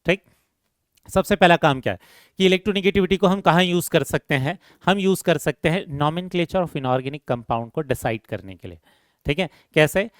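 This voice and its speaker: A man lecturing a chemistry class in a smooth, resonant voice set a little high. He keeps asking his students questions and answering them himself, repeating key terms as he goes. The sound is close and dry, with no room echo. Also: normal speed. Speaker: chemistry teacher.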